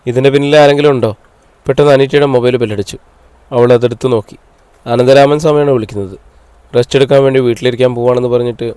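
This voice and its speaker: Smooth-voiced male storybook narrator. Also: medium pitch, quick pace, no echo. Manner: steady storytelling read. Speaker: audiobook narrator. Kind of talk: scripted narration.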